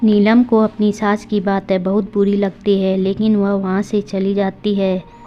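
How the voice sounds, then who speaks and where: A woman tells a story in a plain, even storytelling voice of middle pitch with little rise and fall. The narration sounds dull and lo-fi. Soft music plays underneath. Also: unhurried.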